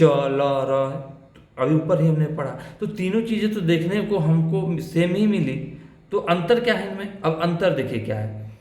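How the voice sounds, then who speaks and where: A man leads a recorded exam-prep grammar lesson. His voice sits a bit high for a man and rings off the walls of an echoey room. He talks in a question-and-answer rhythm and keeps checking that everyone is following along. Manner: asks and answers his own questions, repeats "ठीक है". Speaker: teacher.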